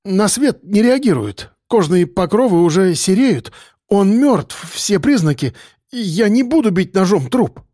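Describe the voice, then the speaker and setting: A man's voice: fairly high pitch, sing-song, husky, no echo, studio quality, exaggerated voice. A man voicing a frightened male doctor who stammers and talks in a hurry. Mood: urgent. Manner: stammering, hurried.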